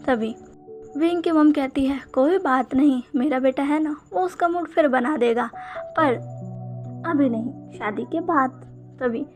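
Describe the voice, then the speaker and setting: A woman's voice: high voice, a little mellow. A woman narrating a fanfiction story aloud, reading every character in much the same voice. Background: faint background music.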